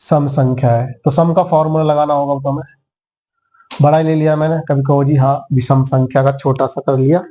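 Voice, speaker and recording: A man's voice: a little high, fairly even intonation, normal speed, warm tone. A man teaching maths who talks students through each step and counts the items aloud. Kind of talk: classroom lesson.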